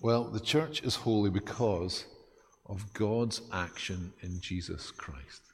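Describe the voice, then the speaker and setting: Lively preacher in a reverberant church. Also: male voice, on the low side, slight background noise. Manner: lively, self-deprecating, with dramatic pauses. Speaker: pastor. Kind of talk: sermon.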